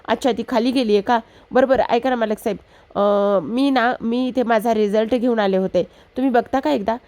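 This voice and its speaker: A woman's voice: on the high side, fairly even intonation, moderate pace, a little mellow, natural voice. Woman doing a cheeky chatty young girl. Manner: chatty, teasing, rambling nonstop.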